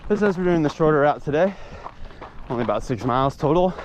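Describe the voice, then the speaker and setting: An American man chatting casually to his vlog while running on a trail, breathy with effort as he talks. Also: a little high, expressive, fast talker. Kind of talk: casual vlog chat, motivational asides. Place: outdoors on a hilly trail. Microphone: action camera carried while running. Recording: clear outdoor noise from action camera. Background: outdoor trail ambience and noise.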